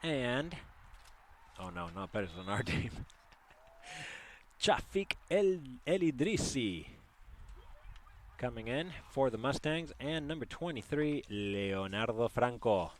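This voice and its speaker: A man's voice: medium pitch, expressive, takes it slowly, long pauses, a little hiss or hum. A man doing live play-by-play commentary, chatty and partisan, joking with listeners as the action unfolds.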